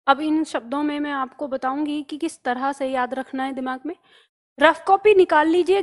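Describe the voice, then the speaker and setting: A woman teaching a spelling lesson, patiently drawing words out slowly and checking in often with her students. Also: high-pitched, long reverb tail. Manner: instructive, stretches words out slowly when spelling them. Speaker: Hindi teacher.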